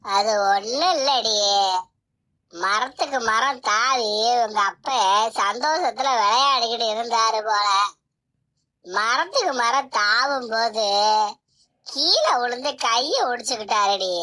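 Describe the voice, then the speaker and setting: A woman's voice: fairly high pitch, animated, slow, pauses often, sharp tone, exaggerated voice. A woman voicing a domineering, scolding village headman's wife in a cartoon. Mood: dismissive. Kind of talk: cartoon voice acting.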